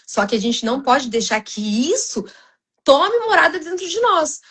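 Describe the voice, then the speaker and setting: Uma mulher brasileira, com sotaque brasileiro, fala com sinceridade em um podcast cristão, com muitas hesitações e recomeços. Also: female voice, high voice, big pitch swings, moderate pace, a bit bright. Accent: Brazilian Portuguese. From Brazil. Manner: earnest, many restarts and fillers, addresses listeners as "gente". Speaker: podcast guest.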